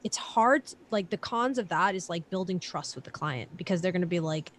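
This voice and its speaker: A woman's voice: lowish voice, animated, fairly quick, slight background noise. A woman in her late twenties, a digital marketer, chatting loosely on a live stream with lots of fillers and casual swearing. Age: late 20s.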